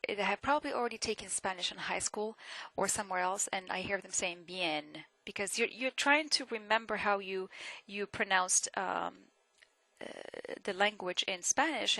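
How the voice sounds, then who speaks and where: A woman teaching a French lesson, patiently explaining and repeating words slowly to show how they sound. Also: mid-range voice, pushed and bright, no echo, poor audio. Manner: patient, explanatory, with frequent fillers. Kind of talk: classroom lesson on French pronunciation.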